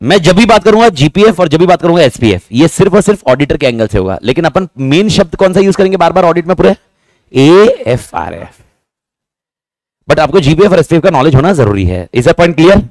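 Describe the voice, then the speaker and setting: Chatty guy lecturing a class, talks fast n repeats stuff, bouncy voice, dry close sound. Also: a little high, very animated, darkish tone, dry recording. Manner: fast-talking, repetitive, banters with students. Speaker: teacher.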